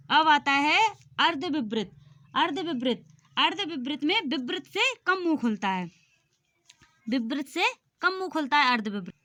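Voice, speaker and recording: Woman teacher, high voice, bright tone, exam-prep grammar lesson, sounds out vowels aloud. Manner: explains patiently, sounds out vowels aloud for the viewer.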